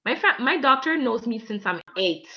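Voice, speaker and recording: A woman in her twenties from Canada, telling a candid personal story as a guest, chatty and animated, acting out the dialogue. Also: a little high, moderate pace, highs cut off. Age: 20s.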